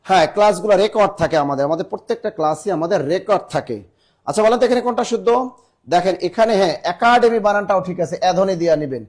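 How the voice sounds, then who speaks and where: This man teaches spelling in a live online class, going letter by letter and hurrying students for fast answers, in a Bangladeshi Bengali accent. He sounds high-pitched and expressive, with a darkish tone.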